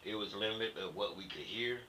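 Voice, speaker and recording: A man's voice: on the low side, brisk, sharp tone, rough recording. An older American man, a veteran looking back in a conversational interview, speaking bluntly and colloquially with emphatic opinions. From United States. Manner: colloquial, emphatic, punctuated with "you know". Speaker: interviewee, Vietnam War veteran. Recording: faint background noise.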